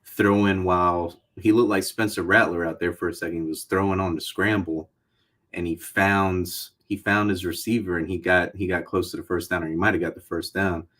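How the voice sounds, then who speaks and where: A man's voice: low voice, fairly even intonation, fairly quick, fairly bright tone. A man co-hosting a casual postgame football podcast, plain-spoken and frustrated, often tossing in "man". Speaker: sports podcast co-host.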